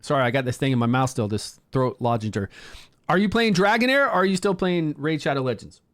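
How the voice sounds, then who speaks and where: A man's voice: a little high, animated, a little fast. A man casually commenting during a game livestream, chatting with viewers and greeting them by name. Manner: upbeat, promotes the game.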